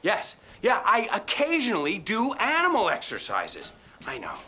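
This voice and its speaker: A playful, goofy man in a TV comedy sketch. His voice is bright and high and swings wildly in pitch. A faint background hiss sits under it. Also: wildly swooping pitch, unhurried, full character voice. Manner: playful, clowning, laughing. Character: goofy man who does animal exercises.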